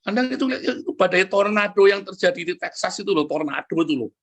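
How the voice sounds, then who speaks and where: A man preaching a sermon, lively and joking, often turning to address the congregation directly. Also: high voice, fast talker, husky. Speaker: pastor.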